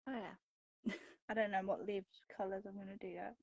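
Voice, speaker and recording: A woman's voice: medium pitch, little pitch movement, normal speed, vocal fry, darkish tone, husky, no echo. A woman chatting casually while colouring on a livestream, laughing often between remarks. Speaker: livestream co-host. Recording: dull, dry lo-fi livestream audio.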